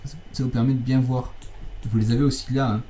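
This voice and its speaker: A man's voice: mid-range voice, fairly even intonation, brisk, mellow, a little hiss or hum, rough recording. Chatty man teaching a screencast. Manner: informal, chatty, with fillers and self-corrections. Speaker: software tutorial teacher. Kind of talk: screencast tutorial.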